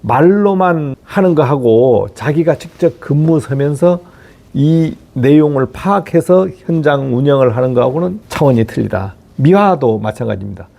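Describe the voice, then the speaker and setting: A man's voice: medium pitch, expressive, normal speed, vocal fry, mellow. A middle-aged man who manages building facilities, giving blunt career advice to viewers with rhetorical questions and frequent swearing. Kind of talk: motivational talk to viewers.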